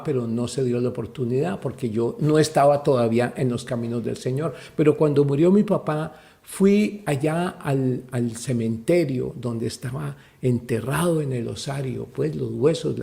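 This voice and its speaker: Gravelly man preaching emphatically. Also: mid-range voice, normal speed, warm tone. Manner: emphatic, addresses listeners as brother. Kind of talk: preaching-style talk.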